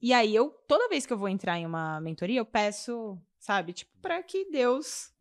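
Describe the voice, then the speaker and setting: A woman mentor telling stories on a podcast in a casual chat, animated and acting out the quotes. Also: normal speed. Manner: animated, acts out quotes, swings her pitch a lot.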